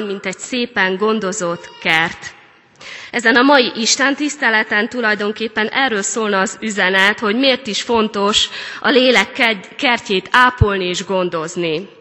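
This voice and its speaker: Woman pastor, measured sermon delivery, bright tone, reverberant church. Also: medium pitch. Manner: calm, measured, deliberate.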